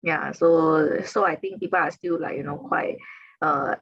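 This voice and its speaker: A woman's voice: sits low, steady tone, measured pace, husky, lo-fi sound. A woman guest on an online panel chat, speaking hesitantly with many fillers and frequent laughs. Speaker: panel guest, rewards specialist.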